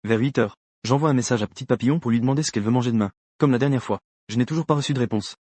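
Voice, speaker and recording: A man narrating a first-person story for a comic dub with a rapid, even delivery. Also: mid-range voice, no echo.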